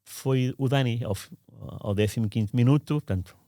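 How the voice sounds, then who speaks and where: A man's voice: mid-range voice, moderate pace, dark tone, dry recording, clean studio sound. A man who recalls events in a casual, reflective, meandering way, often restarting his sentences. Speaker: podcast storyteller. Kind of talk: casual spoken recollection.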